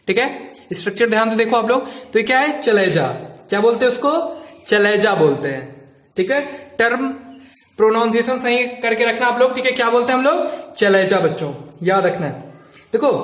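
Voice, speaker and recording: A man's voice: extremely high pitch, fairly bright tone, echoey room. A man teaching a biology lesson, repeating points and quizzing students with questions. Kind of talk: classroom lecture.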